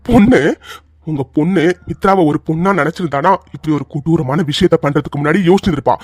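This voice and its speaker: A man voicing a hot-tempered, fiercely loving young hero in a cartoon, rough-spoken and quick to tears. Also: on the high side, no room sound, clean studio sound. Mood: stern. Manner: fiery, rough-spoken, breaks into sobs. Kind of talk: cartoon voice dubbing.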